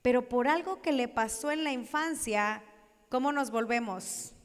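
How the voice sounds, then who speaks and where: A woman giving a lively sermon talk, acting out voices and asking her audience questions. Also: fairly high pitch, a little slow. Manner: animated, acts out quoted voices, questions the audience. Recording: echoey hall.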